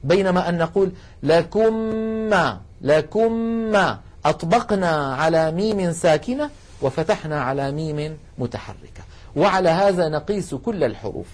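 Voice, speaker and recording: A man lecturing a class, explaining carefully and slowing down to demonstrate sounds, asking students to try along. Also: fairly high pitch, animated, a little mellow. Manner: addresses students directly, asks them to try along. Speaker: Quran recitation teacher.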